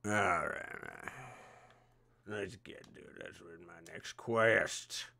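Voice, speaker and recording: Man streaming a game in a slow, gruff put-on cowboy voice, with a sharp edge to it. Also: deep voice. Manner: swearing, exclaiming at the game. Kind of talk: casual gameplay commentary.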